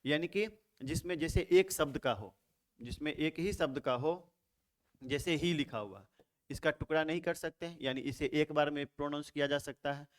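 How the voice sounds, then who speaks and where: A man with a slightly raised pitch explains grammar to students in a lecture. He poses a question, answers it himself, and says each key term slowly and more than once. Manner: repeats key terms slowly, asks and answers own questions. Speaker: English grammar teacher. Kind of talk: Hindi-English explanatory lecture.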